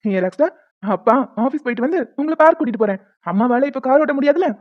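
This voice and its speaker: A devoted young cartoon father, played by a woman, tender and firm, talking quickly in a fairly high voice. The recording is dry and a little dull. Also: animated, no echo. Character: loving young father, stubborn widower. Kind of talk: cartoon voice acting.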